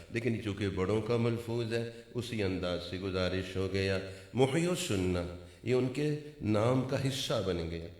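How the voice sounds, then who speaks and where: Male mufti, lowish voice, instructive sermon with chanted drawn-out letters, echoey hall. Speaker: mufti giving a religious talk. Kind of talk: sermon on correct Quran pronunciation. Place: large mosque gathering.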